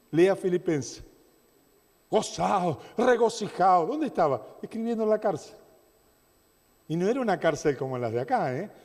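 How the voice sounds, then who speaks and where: A man preaching a sermon as a pastor, with a Rioplatense Spanish accent, swinging from shouted declarations to soft asides. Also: high voice. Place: church hall. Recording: long reverb of a church hall.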